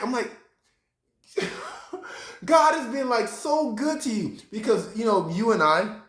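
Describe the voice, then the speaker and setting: A man preaching a sermon with a high voice that leaps and dips as he talks to his congregation. He acts out reactions and breaks into sudden high exclamations. The sound carries a roomy echo. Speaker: pastor.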